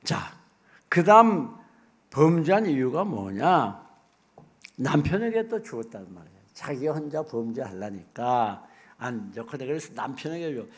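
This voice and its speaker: A middle-aged man preaching a sermon as pastor, folksy and animated, acting out little asides. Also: medium pitch, unhurried, husky.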